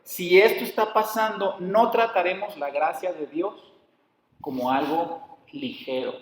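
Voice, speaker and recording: A man's voice: high-pitched, steady tone, a little slow. A man preaching a sermon, calling his listeners brothers and putting rhetorical questions to them. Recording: echoey hall.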